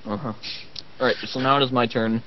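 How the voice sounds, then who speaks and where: A man's voice: mid-range voice, fairly quick, vocal fry, a little hiss or hum. A man taking part in a tabletop role-playing game, talking casually through his moves and advice. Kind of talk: casual chat. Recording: dull lo-fi voice-chat audio.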